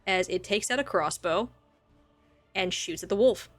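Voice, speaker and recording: This game master speaks at a medium pitch and an unhurried pace over faint background music. She narrates the tabletop session in a relaxed way, with light laughter between her rulings.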